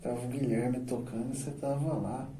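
A man's voice: mid-range voice, steady tone, brisk, warm tone. A man hosting a podcast, chatting casually with his guest in a teasing, jokey way. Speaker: podcast host. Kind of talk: casual interview chat. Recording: roomy, distant mic, faint noise.

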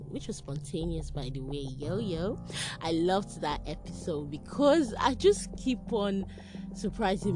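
A woman with a Nigerian accent chatting spontaneously as a solo podcast host, animated and repeating phrases for emphasis. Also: low voice, low-quality recording. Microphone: phone. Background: music.

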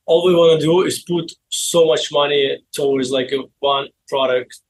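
A man in his twenties from Azerbaijan with an Azerbaijani accent, speaking halting non-native English as he tells his story casually in an interview. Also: on the high side, fairly even intonation, a little hiss or hum, rough recording. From Baku, Azerbaijan. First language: not English. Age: 20s. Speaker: interview guest, e-commerce seller.

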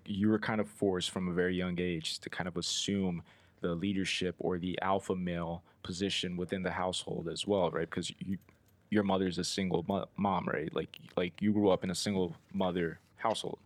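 A man's voice: low-pitched, level tone, a little fast, dry recording. A man in his twenties hosting a podcast in casual interview chat, loose and rambling with lots of filler words. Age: 20s. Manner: loose and rambling, heavy on "like" and "you know". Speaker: podcast host.

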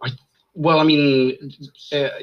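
A man's voice: fairly high pitch, level tone, takes it slowly, lo-fi sound. A man in his thirties from Sweden, a podcast guest talking in an enthusiastic, self-mocking, casual way. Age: 30s. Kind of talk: casual chat.

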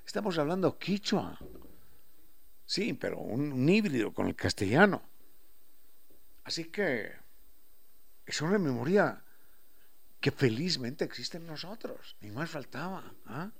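Gravelly Ecuadorian highland man. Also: big pitch swings, slow, long pauses. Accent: Ecuadorian highland Spanish. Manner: explains with examples and acts out local turns of phrase. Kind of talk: reflective radio talk.

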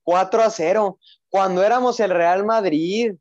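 High-voiced young man, dry dull audio. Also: measured pace, a little mellow, no echo. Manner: emotional, repeats phrases. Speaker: football podcast co-host. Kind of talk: casual fan chat.

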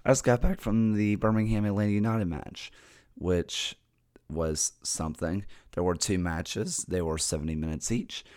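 Hoarse, raspy, low-voiced man hosting a podcast. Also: moderate pace, darkish tone, dry recording, studio quality. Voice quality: raspy voice, dropping at times into a whisper. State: hoarse, voice nearly lost. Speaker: podcast host. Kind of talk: casual sports recap commentary.

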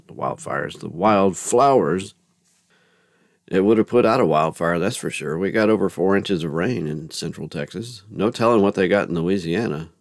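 A man's voice: sits low, dry recording, studio quality. A man hosting a faith podcast, reading scripture and chatting in a rambling, folksy way with many restarts. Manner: rambling, self-correcting, folksy. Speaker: podcast host. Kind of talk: casual commentary with scripture reading.

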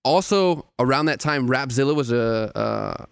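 A young man talking as an interviewer on a casual podcast, earnest and thoughtful, with halting phrasing. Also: mid-range voice, expressive, creaky, clean tone, dry recording, studio quality. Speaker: writer and interviewer, podcast guest.

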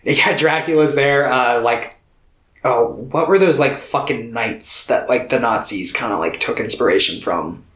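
A man's voice: medium pitch, fairly bright tone, reverberant. Profane, laid-back male podcast co-host. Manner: loose, profane plot retelling, slipping into quick character voices. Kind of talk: casual chat.

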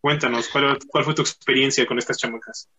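Man, bright forceful tone, casual podcast host, joking, lots of fillers. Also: mid-range voice, fairly even intonation, fairly quick, slightly rough, low-quality recording. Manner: chatty, joking, with many fillers. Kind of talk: casual chat.

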